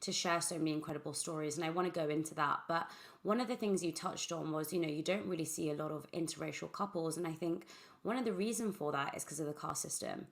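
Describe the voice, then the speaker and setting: Young woman host, low gravelly voice, upbeat and eager. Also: fast talker. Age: young adult. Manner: enthusiastic, warm welcoming. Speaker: podcast host. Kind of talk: casual interview conversation.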